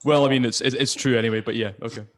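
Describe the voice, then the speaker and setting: A man on a live video call, joking in a deadpan, gloomy way. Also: mid-range voice, very fast. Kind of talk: casual live video chat.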